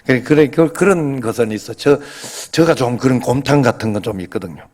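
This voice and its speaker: A man's voice: mid-range voice, fairly quick. A male pastor, giving a sermon in a chatty, joking way and often asking the congregation "eh?". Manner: grows louder and more emphatic when preaching on scripture.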